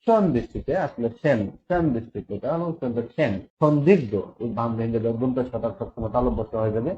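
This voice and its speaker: A man teaching a pronunciation lesson to schoolchildren, explaining step by step and repeating words slowly to drill them. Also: medium pitch, warm tone. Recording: slightly dull lo-fi recording with faint noise.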